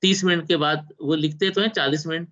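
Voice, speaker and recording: A university lecturer teaches an online class over a video call from his laptop, explaining step by step and mixing in English technical terms. His voice is a little high and fairly bright, rapid-fire but with fairly even intonation. The video call audio sounds dull.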